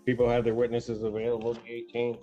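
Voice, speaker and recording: A man presiding as a judge, calling cases and ruling in a brisk, procedural manner, heard on a courtroom recording. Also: mid-range voice, monotone, warm tone. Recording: muffled courtroom recording with faint music.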